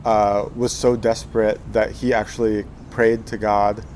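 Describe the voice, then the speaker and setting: His voice is lowish and darkish, his delivery flat and a little slow, with some hiss or hum in the background. He's a man in his twenties from Texas, USA, a guest in a casual interview telling his life story with lots of fillers and restarts.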